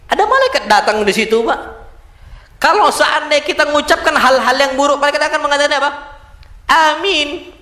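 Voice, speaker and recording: A male preacher giving a lively mosque sermon, posing rhetorical questions to his listeners and answering them himself, with Arabic quotations mixed in. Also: on the high side. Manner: addresses listeners as "Pak", quotes Arabic sayings. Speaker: Islamic preacher. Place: mosque hall. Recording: echoey mosque hall.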